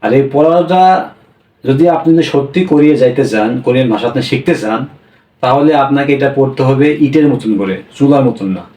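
A man teaching a language class, explaining slowly and repeating each point, often checking with a quick "yes?". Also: mid-range voice, mellow. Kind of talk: classroom-style lesson. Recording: echoey room, voice from a distance.

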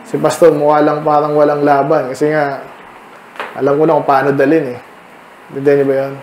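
A man with a Filipino accent preaches in a relaxed, conversational way, calling on people by name. His voice sits a little high for a man. The room is echoey, with faint ambience behind him. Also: a little fast, slight background noise. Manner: conversational, quizzing listeners by name. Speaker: pastor. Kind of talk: midweek Bible study sermon. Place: church meeting room.

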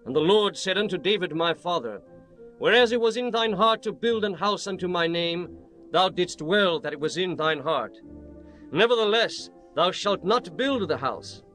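A reverent biblical king in a scripture drama. His voice sits high for a man, and he declaims solemnly over a musical backdrop. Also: a bit bright. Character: King Solomon, reverent male monarch praying and blessing.

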